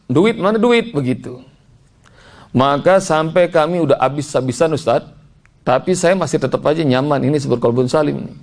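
A male preacher, telling a story in a lively sermon and talking to the congregation. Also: mid-range voice. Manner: lively storyteller, acts out voices, addresses the congregation.

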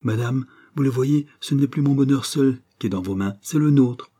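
A man voicing a respectful, ardent young suitor in an audiobook of a novel, with a warm and restrained, pleading delivery. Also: medium pitch, normal speed, breathy edge, pitched above the performer's own voice, close to an everyday voice. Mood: grateful.

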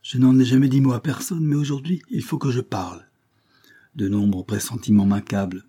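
A man's voice: medium pitch, brisk, warm tone, husky, pitched above the performer's own voice, close to an everyday voice. A man voicing an earnest, anxious young woman in an audiobook, with a fervent, pleading delivery. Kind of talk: audiobook character reading.

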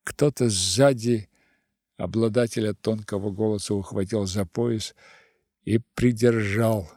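A man narrating a literary audiobook in a measured, expressive way. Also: lowish voice, no room sound, clean studio sound.

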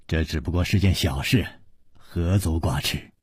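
A man voicing a calm, witty young male hero in radio storytelling, composed and lightly teasing. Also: low-pitched, moderate pace, husky, no echo, studio quality, voice pushed down.

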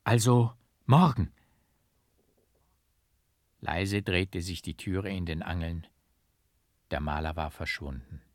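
A male audiobook reader narrating with careful emphasis and rhythm. His voice is low-pitched and the delivery very unhurried. The recording is close and dry, with no room sound. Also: steady tone, no echo. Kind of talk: scripted literary narration.

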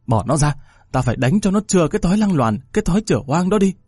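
A man's voice: on the high side, lively intonation, normal speed, mellow, slightly rough, no room sound, clean studio sound, pitched above the performer's own voice. A man voicing an enraged middle-aged mother who scolds her daughter harshly, in a read-aloud story. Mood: furious. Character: furious shouting middle-aged village mother.

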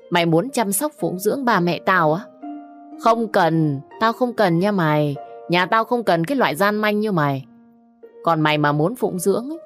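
A woman voicing a fiery young woman who scolds and mocks in quick bursts. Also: on the low side, natural voice. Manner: scornful, rapid scolding. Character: sharp-tongued young woman, fiery and mocking.

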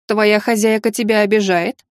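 A woman reading an audiobook voices a curious noble lady who speaks in a smooth, condescending, softly amused way. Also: mid-range voice, level tone, moderate pace, no room sound, studio quality, lightly acted.

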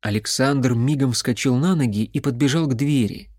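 Steady male audiobook narrator, dry sound. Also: medium pitch, moderate pace, dry recording. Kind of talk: scripted narration.

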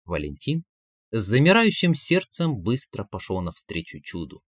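Brief: male audiobook narrator, lively pitch, wry tone, dry close mic. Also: moderate pace, no room sound. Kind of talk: audiobook storytelling.

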